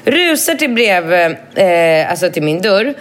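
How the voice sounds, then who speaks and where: Woman, thirties, casual podcast chat, lively storytelling, swears a lot, quite low voice. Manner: swears freely, acts out quotes with big pitch leaps.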